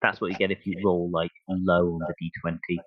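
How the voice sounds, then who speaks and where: A man hosting a podcast in casual chat, thinking aloud in a halting way. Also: low-pitched, flat delivery, breathy edge, dry recording, phone-quality sound. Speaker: podcast host.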